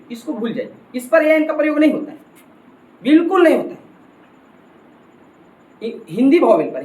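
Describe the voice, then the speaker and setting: A man teaching a grammar lesson, emphatic and repetitive, constantly addressing his students as kids. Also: high-pitched. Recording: echoey room with faint ambient noise.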